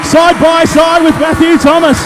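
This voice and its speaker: An Australian man calling a race as a motorsport commentator, excited, colloquial and punchy. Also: extremely high pitch, moderate pace, background noise. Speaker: speedway race commentator and trackside interviewer. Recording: loud race car engines behind the voice. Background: race cars, engines and tyre squeal.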